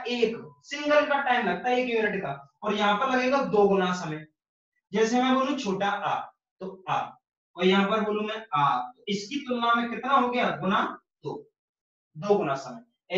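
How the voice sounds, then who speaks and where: High-voiced man teaching in an echoey room. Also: a bit bright. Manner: explains patiently, repeats key phrases, asks and answers his own questions. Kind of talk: online Hindi grammar lesson. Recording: distant, dull, very echoey room.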